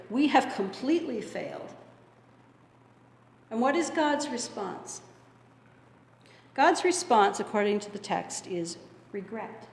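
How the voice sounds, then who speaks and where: A woman pastor preaching a sermon in a church sanctuary, measured and earnest, leaning on dramatic pauses. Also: medium pitch. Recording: echoey hall with long reverb.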